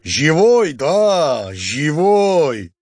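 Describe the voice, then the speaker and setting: A big, good-natured boat skipper, as a male narrator puts him on, his voice lifted high and swinging widely. He drawls his words unhurriedly and keeps ending lines with a questioning "da?". The audiobook recording is close and dry. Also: animated, dry recording. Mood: excited. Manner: slow, drawn-out, ends phrases with a questioning "da?". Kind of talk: audiobook character voice.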